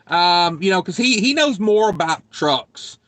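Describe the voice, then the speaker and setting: A man's voice: sits high, lively intonation, unhurried, a bit bright. A man hosting a casual trucker livestream, rambling and joking as he reads viewer comments aloud. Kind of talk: casual live-stream chat.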